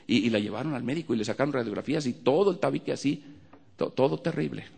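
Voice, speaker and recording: A Mexican man preaching with fervor, his mid-pitched voice full of gravelly fry. His words ring out with a long reverb, as if spoken in a big church hall. He keeps coming back to short bursts of praise. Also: fast, a little mellow. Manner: fervent preaching, repeats praise phrases. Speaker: pastor. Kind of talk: sermon.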